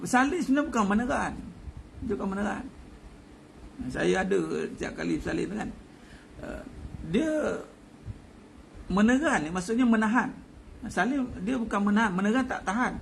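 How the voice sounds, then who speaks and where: A man's voice: high voice, expressive, normal speed, creaky, pauses often, fairly bright tone, a little hiss or hum. A man giving a casual religious talk, chatty, repeating his phrases and chuckling often. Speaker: religious teacher.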